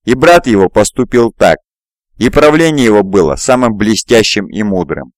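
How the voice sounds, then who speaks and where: Male audiobook narrator, low voice, dry close home recording, steady reading. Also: normal speed, no room sound. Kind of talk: scripted fantasy narration. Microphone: close mic, home recording.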